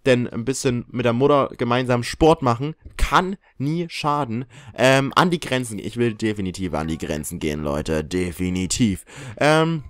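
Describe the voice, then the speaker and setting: A man's voice: mid-range voice, animated, moderate pace, dry recording. A young man giving casual, joking commentary while playing a life-simulation game, often teasing the characters. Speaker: let's play host.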